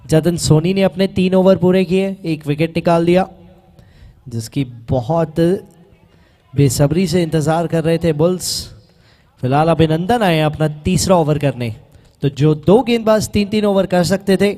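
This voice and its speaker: A man giving excited live cricket commentary as a match commentator. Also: fairly high pitch, moderate pace.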